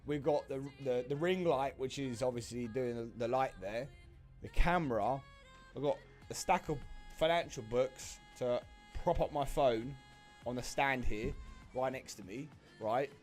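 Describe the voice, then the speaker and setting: A man's voice: medium pitch, measured pace, soft background music. A young man hosting a trading livestream from his home desk, chatting casually through a desk microphone, full of fillers and greetings to viewers.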